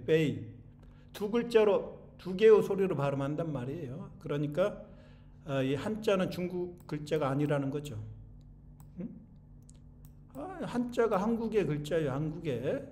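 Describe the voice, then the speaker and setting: A man with a fairly high, slightly mellow voice gives an informal spoken lecture, with slight background noise. He asks questions and answers them himself, constantly throwing rhetorical "eh?" tags at his listeners.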